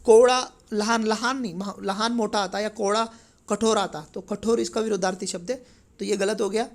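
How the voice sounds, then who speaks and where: His voice sits high, with fairly even intonation and some vocal fry, and he talks a little fast. This chatty male teacher, a Marathi native speaker, takes students through an exam paper conversationally, using lots of tag questions.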